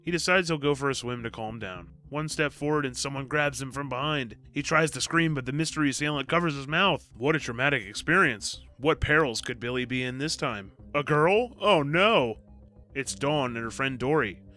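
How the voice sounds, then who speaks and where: A man's voice: mid-range voice, a little fast, hardly any pauses, bright, forceful tone, faint music behind. A man narrating a book summary in a scripted, wry and jokey storytelling manner. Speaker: video host summarizing books. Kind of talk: scripted narration with sarcastic asides.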